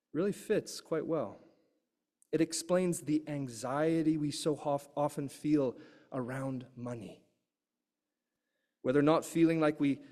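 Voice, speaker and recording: A man giving a sermon, speaking earnestly and slowing down to stress key phrases. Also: fairly high pitch, a little mellow. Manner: earnest, emphatic preaching with slow stressed phrases. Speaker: preacher. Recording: long hall reverb.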